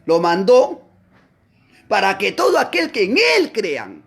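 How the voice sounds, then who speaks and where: A man teaching a Bible class, preaching emphatically with rhetorical questions to his listeners, swinging between loud exclamations and low asides. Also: huge pitch swings, slow, creaky, breathy edge.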